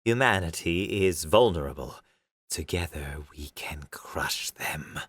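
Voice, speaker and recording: A man's voice: sits low, expressive, measured pace, fairly bright tone, no room sound, clean studio sound, exaggerated voice. A man voicing a fearful female alien chancellor with a trembling voice in an audiobook story.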